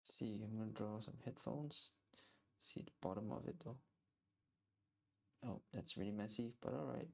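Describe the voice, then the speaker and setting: Chatting casually on a live stream as he draws, a young artist speaks in a lowish, creaky voice at a moderate pace with long pauses. He rambles and tends to repeat words while thinking.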